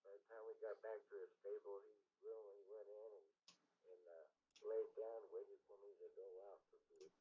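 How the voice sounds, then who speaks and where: Husky man chatting over ham radio. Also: lowish voice, brisk. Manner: relaxed, chatty, with many fillers. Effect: heard over a ham radio transmission. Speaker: radio net check-in caller. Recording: dull lo-fi radio audio.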